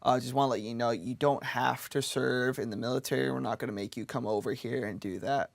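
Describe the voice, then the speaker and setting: A man's voice: mid-range voice, fairly even intonation, a little fast, vocal fry, no echo. A young American man in his twenties, a debate guest telling his story loosely with lots of "like". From United States. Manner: loose, filler-heavy storytelling with frequent "like". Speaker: debate guest supporting conscription. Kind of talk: casual debate chat.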